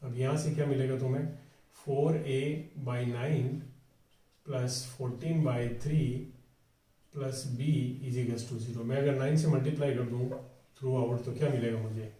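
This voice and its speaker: Male math tutor, talks himself through each step, dark unhurried voice, distant mic in a roomy space. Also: mid-range voice, steady tone. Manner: talks through each step, asking and answering his own questions. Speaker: math teacher. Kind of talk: board exam math tutorial. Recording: echoey room, voice from far off.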